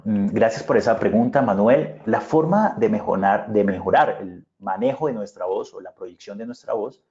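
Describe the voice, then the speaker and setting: Over muffled video-call sound, a Bogotá Colombian man with a mid-range, darkish voice lectures at an online conference as a public speaking consultant. His style is conversational, and he regularly checks in with the audience.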